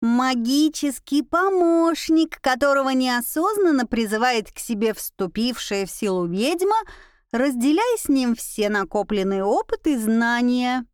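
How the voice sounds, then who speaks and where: A woman's voice: big pitch swings, clean tone, dry recording, clean studio sound. A woman voicing a prim, lecturing little bat. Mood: explaining. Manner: high, slow, drawn-out and didactic. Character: small male talking bat familiar, prim and lecturing.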